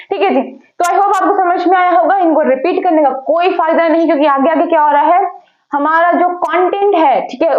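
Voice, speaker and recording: A young woman teaching in a chatty way, asking questions and answering them herself, and slowing down to read English phrases. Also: high voice. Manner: chatty, asks and answers her own questions. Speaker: exam-prep teacher. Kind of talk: casual Hindi-English lecture. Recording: echoey room, slightly dull sound.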